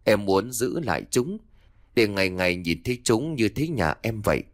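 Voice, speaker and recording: A man voicing a cruel, scheming middle-aged woman who fakes loud, theatrical wailing over her husband in a storybook tale. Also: lowish voice, sing-song, moderate pace, no echo, studio quality. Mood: sniffling.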